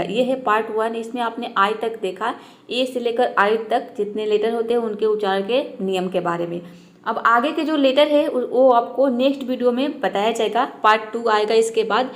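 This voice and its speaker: Woman teacher, slightly high voice, patient step-by-step explanations. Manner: patient, step-by-step, repeats each rule slowly. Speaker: English teacher. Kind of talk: explaining lesson.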